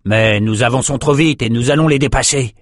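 A man's voice: mid-range voice, brisk, no room sound, close to an everyday voice. A man voicing a big raider who grumbles. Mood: grumbling.

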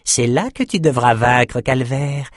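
This is a man's take on a wild-eyed albino shaman in a spoken storybook, crooning his prophecies in a lilting, sing-song voice. He lingers on every word and swings widely between high and low. The recording is close and dry. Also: lively intonation, slow pace, no echo. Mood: feverish urging. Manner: singsong, chanting. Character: excitable albino male shaman, singsong, unhinged. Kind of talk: audiobook character voice.

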